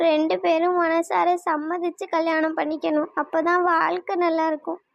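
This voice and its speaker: A woman's voice: extremely high pitch, level tone, normal speed, creaky, no echo, dull audio. A woman voicing a heartbroken young woman in a cartoon, talking in a tearful, pleading way.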